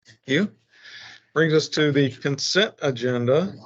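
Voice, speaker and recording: A man chairing a public board meeting, speaking procedurally and haltingly as he works through formal business. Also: a little high, expressive. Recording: muffled, band-limited meeting recording.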